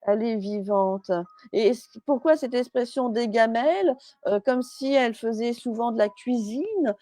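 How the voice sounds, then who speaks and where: A woman's voice: on the high side, measured pace, dark tone, no echo, studio quality. A woman medium on a live stream, chatty and hesitant, with many fillers and restarts, relaying messages as quoted speech.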